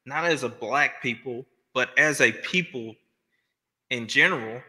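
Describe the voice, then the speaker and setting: Earnest podcast guest, man from Louisiana, sharp bright tone, reverby room. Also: mid-range voice, a little slow. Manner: earnest, preachy. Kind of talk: casual podcast chat.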